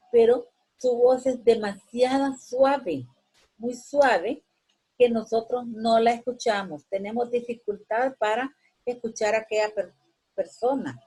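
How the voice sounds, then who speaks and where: A woman's voice: fairly high pitch, dark tone, husky, poor audio. A woman teacher explaining a lesson patiently with everyday examples, often tagging her sentences with a questioning check and hesitation fillers. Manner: keeps adding a questioning tag, with frequent hesitation fillers.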